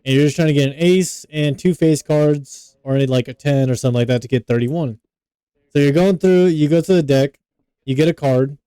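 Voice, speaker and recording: A man's voice: a little high, a little fast, warm tone, clear, resonant tone, no room sound. Young man, casual profane podcast chatter. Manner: loose, profane, lots of "like" fillers. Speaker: podcast co-host.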